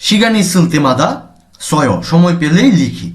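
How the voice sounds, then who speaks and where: A man with a Bangladeshi accent leads a recorded language lesson, his voice sitting a little higher than most men's. He explains each term patiently, repeats it, and poses questions that he then answers himself. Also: lively intonation, moderate pace. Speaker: Korean language teacher.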